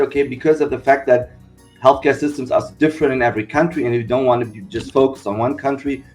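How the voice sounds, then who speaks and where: A man from Germany, a company founder, explaining his work steadily in a podcast interview. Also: medium pitch. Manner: steady explanatory, repeats "we said okay".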